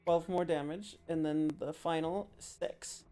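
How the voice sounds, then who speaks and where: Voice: mid-range voice, steady tone, measured pace, warm tone, clear, resonant tone. A tabletop game player talking casually and working out dice totals aloud. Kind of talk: casual gaming chat, counting dice.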